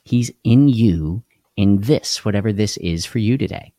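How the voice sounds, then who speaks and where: A man's voice: on the low side, expressive, measured pace, mellow, no echo, clean studio sound. A man hosting a live devotional talk, speaking earnestly and candidly, often repeating key phrases for emphasis. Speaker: host of a live devotional show.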